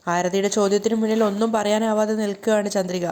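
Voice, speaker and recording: A woman narrates a story recap at a quick clip. Her voice is dark and mellow, and her tone sits in an ordinary middle register. She rushes along, stumbling and restarting a word here and there. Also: mid-range voice, fairly even intonation. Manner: brisk reading with stumbled restarts.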